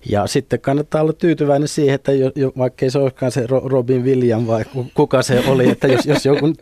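A middle-aged man, a lucid dreaming instructor, explaining things in a relaxed way on a radio talk show and chuckling now and then. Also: medium pitch. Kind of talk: radio studio conversation. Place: radio studio.

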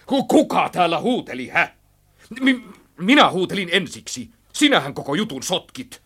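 A blustering storybook police chief, voiced by a male reader, who bellows his orders and trips over his words in a quarrel. His voice sits high and swings about a great deal. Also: big pitch swings, a bit bright, breathy edge, full character voice. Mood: quarrelsome.

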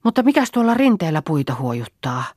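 A woman reading the part of a frightened young peasant girl in an audiobook play, with an anxious, quickly alarmed delivery. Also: low-pitched, sing-song, darkish tone, slightly rough, no echo, studio quality, full character voice. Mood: uneasy.

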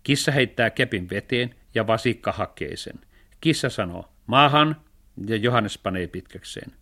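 Calm man reading a children's radio story. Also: fairly low pitch. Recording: 1970s radio archive.

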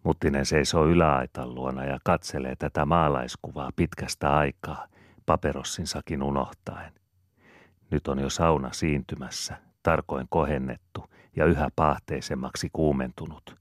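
A man narrates a novel in an extremely deep, low voice. His delivery is even and measured, steady storytelling. The sound is close and completely dry. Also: no room sound. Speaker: audiobook reader. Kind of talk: scripted narration.

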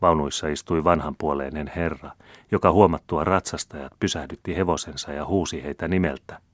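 A man narrating an audiobook in a steady, measured reading. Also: rumbling low, dry recording, clean studio sound. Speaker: audiobook reader. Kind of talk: scripted narration.

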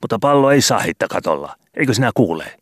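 A man's voice: on the low side, sing-song, no echo, clean studio sound, voice pushed up. A man voicing a bossy middle-aged landlady who scolds in broken, ungrammatical speech. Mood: scolding.

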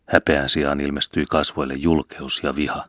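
A man reading a novel aloud as audiobook narrator, measured and steady, on a close mic. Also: rumbling low, no echo. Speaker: audiobook reader. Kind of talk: scripted narration.

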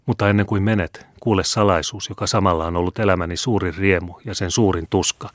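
A man's voice: low-pitched, steady tone, dry recording, natural voice. A man voicing a passionate dying mother who speaks in an impassioned way, in an audiobook. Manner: impassioned, pleading.

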